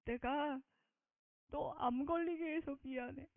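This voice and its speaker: Soft fatherly jesus, gentle and sorry, as a woman puts him on, tinny dry phone sound. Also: sits high, takes it slowly, vocal fry, dry recording, heavily acted. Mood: tender. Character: gentle apologetic fatherly Jesus, male, tender.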